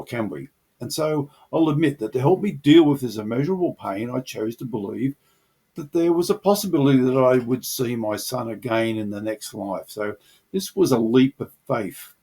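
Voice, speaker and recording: A man's voice: mid-range voice, a little mellow, husky. A middle-aged man earnestly telling the personal story of how he came to faith, in a reflective storytelling manner. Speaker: channel host sharing his testimony.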